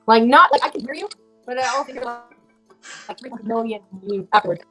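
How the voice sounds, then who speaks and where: Woman, tabletop player, high voice, heard through a muffled underwater-sounding bluetooth headset mic. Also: a little fast, sharp tone, faint music behind. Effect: garbled, underwater-sounding bluetooth headset mic. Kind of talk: casual chat on a voice call.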